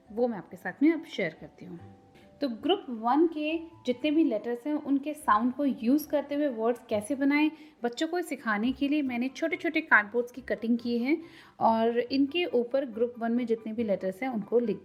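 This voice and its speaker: A woman teaching phonics to parents as a channel host, sounding out letters slowly and repeating each one. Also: on the high side, dull audio. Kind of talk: tutorial lesson for parents.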